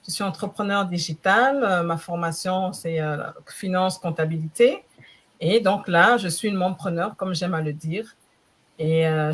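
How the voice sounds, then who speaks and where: A woman from the Democratic Republic of the Congo introducing herself on a live stream in a friendly way, with many fillers. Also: lowish voice. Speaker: panel guest, digital entrepreneur.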